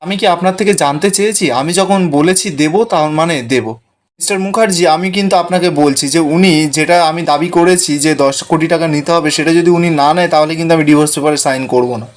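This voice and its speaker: A man's voice: on the high side, fast, natural voice. A man reading a stubborn jealous husband. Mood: taunting. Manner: stubborn, taunting.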